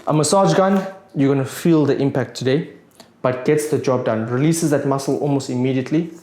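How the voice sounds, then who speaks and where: A man's voice: mid-range voice, a little fast, warm tone. Male chiropractor host, casual chat, checks in a lot, echoey room. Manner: chatty, often checks in with "right?" and "yeah?". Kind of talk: casual chat during treatment. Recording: echoey room with faint noise.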